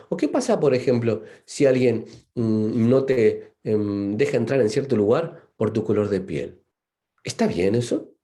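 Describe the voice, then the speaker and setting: Warm and medium-pitched, the voice belongs to a man from Argentina speaking with an Argentine Spanish accent. He delivers a seminar lecture as a psychologist, reflective in tone, full of fillers and tag questions like "¿no?".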